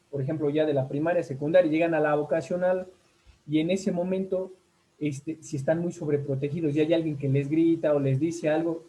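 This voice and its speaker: A man's voice: on the high side, dark tone, poor audio. A man with a Mexican accent, a school counselor giving a talk from slides, speaking conversationally with many fillers and checking in with listeners often. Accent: Mexican Spanish.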